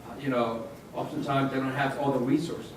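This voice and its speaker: A male legislator addresses a panel audience, his remarks halting and full of fillers. He sounds distant from the mic, with heavy room echo and a clear hum of noise behind him. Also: mid-range voice, little pitch movement. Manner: halting, many fillers and restarts. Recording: echoey hall, distant mic, noisy.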